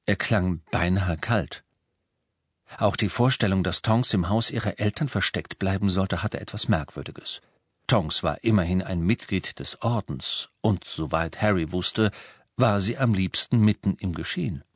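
A man narrating an audiobook in a measured, even storytelling manner. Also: sits low, slightly rough, dry recording, studio quality. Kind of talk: scripted narration.

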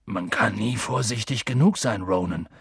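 A man voicing a huge, gruff half-giant gamekeeper in an audiobook, with a rough, grim and wary way of talking. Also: lowish voice, moderate pace, no echo, studio quality, heavily acted. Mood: relieved. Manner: grim, wary, gets loud and impatient. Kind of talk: audiobook character voice.

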